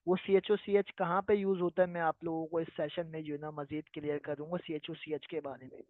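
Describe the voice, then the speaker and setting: His voice fairly high, flat, and brisk, a man answers viewer questions during a live online trading lesson. He's patient in his explanations and regularly checks that people are following along. Audio is dry and tinny, as if through a phone.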